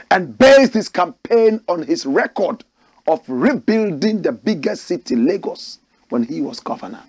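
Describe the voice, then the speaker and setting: Man, political commentator, emphatic and preachy, high animated voice, husky tone, dry close sound. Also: no room sound. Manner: emphatic, preachy, rhetorical questions and repeated words. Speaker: show host and commentator. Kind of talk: political commentary reading a news article aloud.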